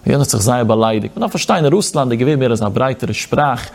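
A man's voice: medium pitch, animated, fast talker, vocal fry. A man giving a Torah lecture with a chanting study cadence and quoted Hebrew passages. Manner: chanting sing-song study cadence, mixing in Hebrew quotations. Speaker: rabbi teaching Torah. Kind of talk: Yiddish-inflected Torah lecture.

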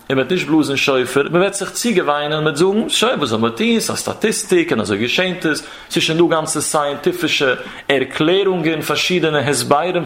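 A man's voice: mid-range voice, fairly bright tone. A man giving a traditional Talmudic lecture as a Torah teacher. He reads Hebrew passages in a sing-song study chant and explains them.

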